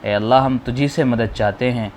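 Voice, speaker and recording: A man teaching how to read the Quran, slowly drawing out each letter sound and patiently explaining how to pronounce it. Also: mid-range voice, a little mellow, slight background noise. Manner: slow, drawn-out modeling of sounds, explaining patiently. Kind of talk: spoken lesson on letter pronunciation.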